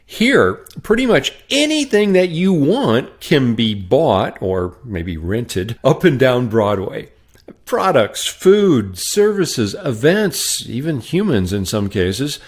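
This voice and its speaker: A man hosting a solo podcast who tells a wry story in a conversational way and stresses words with jumps in pitch. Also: very animated, slow pace. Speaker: podcast host and sales trainer.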